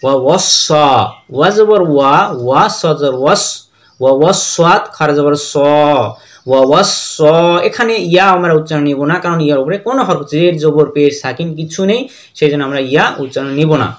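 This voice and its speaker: A man with a Bangladeshi Bengali accent teaching Quran reading, spelling words out letter by letter and chanting the verses. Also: fairly high pitch. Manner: slow letter-by-letter drilling with sung recitation.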